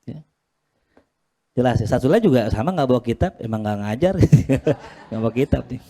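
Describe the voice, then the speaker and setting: A man's voice: medium pitch, animated, brisk, warm tone. Casual, jokey male Islamic teacher. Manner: casual, jokey, teasing his students. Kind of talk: religious study lesson.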